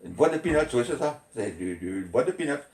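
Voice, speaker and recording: A man's voice: medium pitch, very animated, fast, a little mellow. Older man, colloquial storyteller, rambles, laughs often, roomy echo. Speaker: storyteller recalling childhood. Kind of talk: casual reminiscing. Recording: echoey room.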